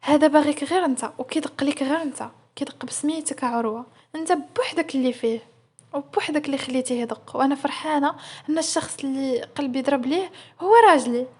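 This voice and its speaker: A woman's voice: high voice, quick pace, a little mellow, lightly acted. A woman with a Moroccan accent voicing a lovestruck young bride who talks earnestly and pleadingly.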